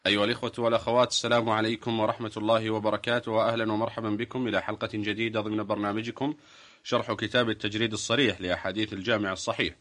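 A man's voice: on the low side, flat delivery, very fast, fairly bright tone. A man hosting a religious programme, speaking formal Standard Arabic in a polished, scripted presenter's style. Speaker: programme host.

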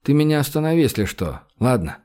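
Reader doing a worn-out guy, quiet and muttery, barely holding it together. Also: mid-range voice, very animated, fast talker, close to an everyday voice. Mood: weary. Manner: subdued, muttering. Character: weary, troubled man holding back despair.

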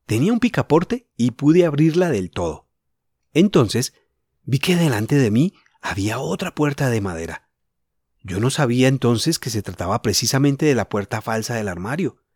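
A man's voice: mid-range voice, very animated, moderate pace, darkish tone, slightly rough, no echo. A man voicing an eager teenage boy telling the others about a discovery, in a storybook reading. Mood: excited.

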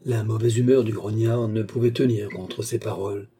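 A man narrating a classic novel aloud in a steady, measured way. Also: fairly low pitch, slight background noise. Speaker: audiobook narrator.

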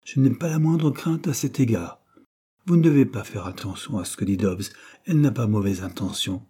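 A man reading aloud voices a gentle, easygoing old lady in a storybook. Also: on the low side, normal speed, husky. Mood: mild. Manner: mild, conciliatory.

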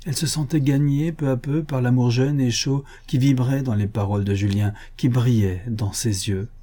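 Audiobook narrator, male, measured and expressive, warm dark voice. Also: mid-range voice. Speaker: audiobook reader. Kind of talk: literary narration.

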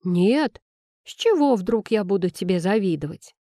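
A woman's voice: mid-range voice, lively intonation, normal speed, mellow, no echo, studio quality, natural voice. A woman voicing a flustered young male steward who indignantly protests his innocence. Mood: protesting.

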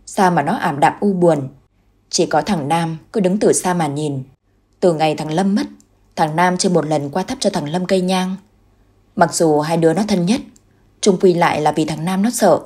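Female narrator for a ghost story, low husky voice, soft music underneath. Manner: voices the characters with raised, louder delivery.

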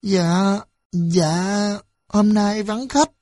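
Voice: mid-range voice, lively intonation, a little fast, no room sound, studio quality, voice pushed up, natural voice. A narrator voicing a frightened young son who answers timidly. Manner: timid, stammering.

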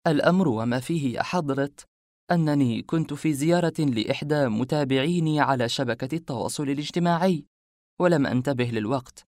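A man's voice: fairly high pitch, fairly quick, darkish tone, no echo, voice pushed up, natural voice. A charming, playful young woman from a storybook speaks in a raised, lifted voice, as a male narrator puts her on. She sounds teasing and chatty, and the dry, close recording has no room sound. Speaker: life coach character. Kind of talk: audiobook character reading.

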